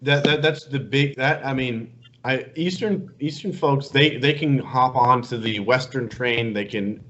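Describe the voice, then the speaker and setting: A man hosts a relaxed conversation in an even, mid-range voice, genial and a little halting as he hunts for words. The audio is slightly dull and muffled. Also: medium pitch, a little hiss or hum. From Middle East. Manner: genial, repeats words while finding phrasing. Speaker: podcast host. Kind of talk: casual interview conversation.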